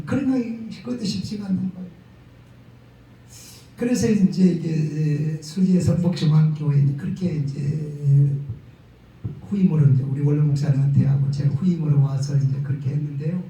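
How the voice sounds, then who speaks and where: A middle-aged pastor from the region, preaching a humorous, folksy sermon sudden loud bursts. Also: male voice, high-pitched. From Jeolla, South Korea. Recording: echoey hall, distant mic, faint noise.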